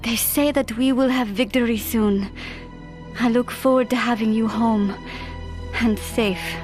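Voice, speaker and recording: An actress voices a young Soviet mother writing to her beloved husband in a war game story. Her voice is fairly high and full of tender affection and quiet pride, with clear music underneath. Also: steady tone, unhurried, natural voice. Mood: tender, loving. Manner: tender, affectionate letter reading. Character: young Soviet wife and new mother, loving and proud. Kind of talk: dramatic letter voice-over in a war game.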